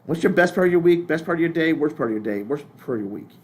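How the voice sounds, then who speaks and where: A man's voice: fairly high pitch, expressive, racing. An older man teaching a lay ministry class in a casual, rambling way, often restarting his sentences.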